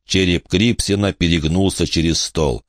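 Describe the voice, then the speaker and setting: Deep-voiced male audiobook narrator. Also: fairly even intonation, moderate pace, no echo, clean studio sound.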